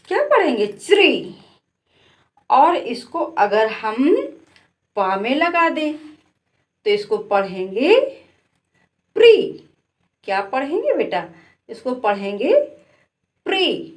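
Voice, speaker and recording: Female Hindi-accented teacher, higher voice, unhurried call-and-response drilling for kids. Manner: repeats each syllable and asks it back to the listener. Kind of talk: slow classroom lesson with call-and-response drilling.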